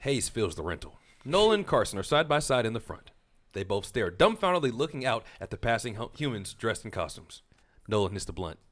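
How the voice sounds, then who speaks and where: A man's voice: fairly low pitch, big pitch swings, brisk, a bit bright. A man chatting casually in a playful, teasing way. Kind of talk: casual chat.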